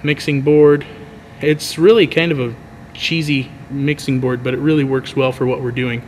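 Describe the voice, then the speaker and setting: A man's voice: medium pitch, fairly even intonation, moderate pace, darkish tone. A man giving a casual, rambling vlog tour with dry, self-deprecating humor, talking to a handheld camera. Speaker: video producer and vlogger giving a tour. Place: large empty church auditorium at night. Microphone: handheld camera microphone. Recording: echoey large hall, clear background noise.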